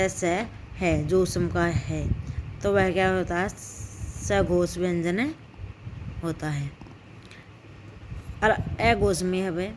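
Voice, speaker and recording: A woman's voice: mid-range voice, noisy background. A woman teaching a grammar lesson, repeating herself and asking and answering her own questions.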